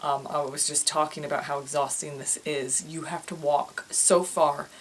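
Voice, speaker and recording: A young woman with a slightly low voice, talking straight to camera in a loose, chatty vlog. She rambles as she thinks aloud, stumbling over restarts and doubling back on her words. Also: steady tone, normal speed, a little hiss or hum, low-quality recording. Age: young adult. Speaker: author and vlogger.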